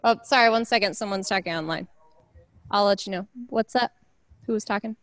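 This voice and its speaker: A woman's voice: medium pitch, fairly quick, dry recording. A woman leading a casual online church group discussion, chatty and saying "like" often. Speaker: worship leader.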